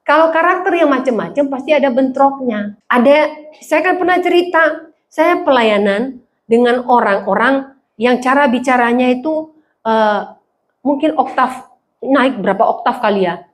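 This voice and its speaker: High-voiced woman pastor preaching. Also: animated, moderate pace. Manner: humorous storytelling, acting out quoted voices. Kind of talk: sermon. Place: church.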